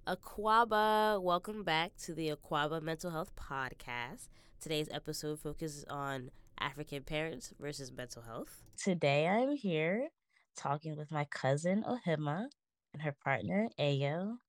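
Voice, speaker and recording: A young woman hosts a casual podcast chat in a low, steady voice. She sounds relaxed and encouraging as she guides her guests along. The sound is close and dry. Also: unhurried, dry recording. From United States. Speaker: podcast host.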